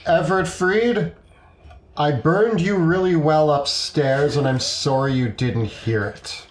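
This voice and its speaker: A man's voice: on the high side, slow pace. A man chatting casually as a player in a tabletop game. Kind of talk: casual chat. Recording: roomy echo.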